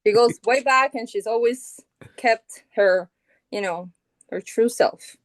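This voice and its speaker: Speaking slowly in a voice on the high side, a middle-aged Colombian woman who helped found a band chats casually in an interview, thinking out loud with many fillers and restarts. The recording has no room sound.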